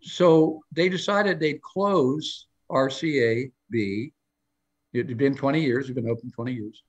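A man's voice: mid-range voice, measured pace, husky, highs cut off. An older man spins long anecdotes in a loose, rambling way, circling back and restarting as he goes. He leans into quoted lines with a lifted voice, then drops back to an easy conversational tone. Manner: acts out quoted lines in a raised voice. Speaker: guest storyteller on a live show. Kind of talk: casual live interview chat.

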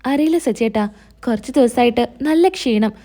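A woman voicing a gentle young wife who speaks in a soft, pleading, hurt way in a retold serial story. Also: fairly high pitch, animated, moderate pace.

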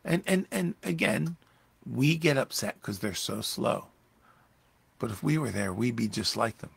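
A man pastor teaching a Bible study in a conversational, animated way, raising his voice when acting out quoted lines. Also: medium pitch, a little slow, gravelly, slightly rough, no room sound.

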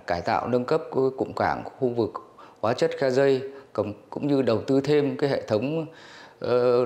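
A man speaks in a news interview, measured and businesslike, with occasional fillers. His voice sits at a medium pitch. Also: a little mellow. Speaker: coal company official interviewed.

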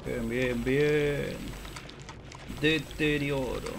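A man with an Argentine accent streams a game in casual chat, excitable, swearing playfully and repeating words. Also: mid-range voice, drawn-out words, vocal fry, background noise. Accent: Argentine Spanish. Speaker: gaming streamer. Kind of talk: casual live gameplay chat.

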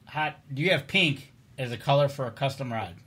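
A man co-hosting a casual podcast and reading viewer questions, friendly and a bit halting. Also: mid-range voice, lively intonation, fairly bright tone, slightly rough. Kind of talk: casual chat.

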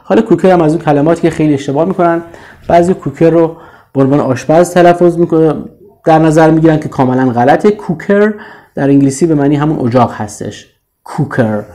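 Persian-accented man teaching English words. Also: dark tone. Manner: slow, drawn-out model words, often trailing off low. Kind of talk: vocabulary lesson with repeat-after-me drills.

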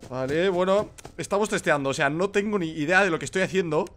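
A young man from Spain with a Castilian accent playing a horror game, excitable and swearing a lot. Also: high voice, quick pace, soft background music. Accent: Castilian Spanish. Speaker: gaming youtuber. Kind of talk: horror game let's play.

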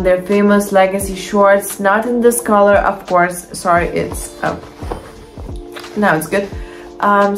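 A young woman, a fitness coach, talking casually through a try-on haul of gym clothes in her bedroom, chatty and enthusiastic with many restarts. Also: mid-range voice. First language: Lithuanian. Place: bedroom at home.

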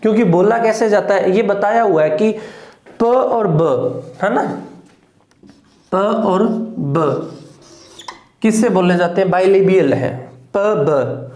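A man who speaks as his teaches English phonetics, going very slowly and saying each word several times over. He often stops to ask whether the class follows. His voice carries the echo of a hard-walled room. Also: high-pitched, a little mellow. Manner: slow, repeats each word several times and checks with "clear?". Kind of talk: phonetics lesson. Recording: echoey room.

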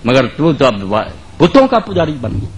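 A male religious scholar giving an impassioned sermon, chanting lines of poetry slowly and then scolding his listeners, rising to loud outbursts, with a Pakistani Urdu accent. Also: a little high, very animated. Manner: chants verses slowly, then explains them.

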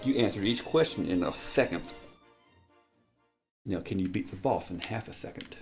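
A man's voice: deep voice, animated, moderate pace, darkish tone, faint music behind. A man chatting casually as co-host of a video game let's play. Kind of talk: casual gaming chat.

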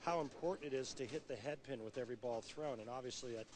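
At a bowling centre during a televised championship, a middle-aged American man with a medium-pitched voice talks fast, offering analytical commentary in a conversational, explanatory way. The broadcast carries him over loud crowd noise and heavy venue ambience.

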